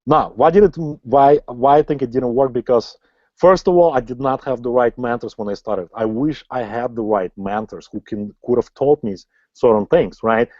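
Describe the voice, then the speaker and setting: Speaking at a moderate pace in a mid-range voice, a non-native English-speaking man in his forties leads a motivational sales webinar as an online marketing coach, frequently ending with "right?". The lo-fi audio is slightly dull, with no room sound.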